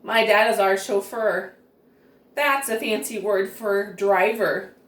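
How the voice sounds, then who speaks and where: With a slow pace and fairly even intonation, a woman in a mid-range voice reads a picture book aloud expressively for young children, taking care with each word. The room echoes because the microphone is distant.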